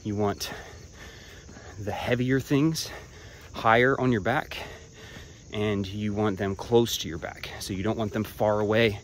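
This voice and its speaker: A man vlogging hiking tips while walking a trail outdoors, relaxed and a bit profane, talking between breaths. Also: on the low side, a little slow, slight background noise. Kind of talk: casual talk while hiking. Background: crickets and insects.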